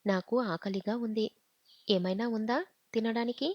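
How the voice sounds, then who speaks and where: A woman reading as a gentle young husband. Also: fairly high pitch, steady tone, measured pace, dry recording. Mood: tender. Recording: dull, dry lo-fi recording.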